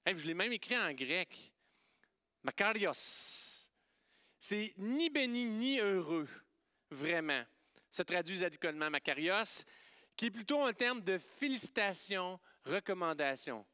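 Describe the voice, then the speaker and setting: Québécois male pastor, lively sermon, slightly high, smooth and crisp. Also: a little slow, no echo, clean studio sound. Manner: animated and playful, swinging from loud exclamations to hushed softness.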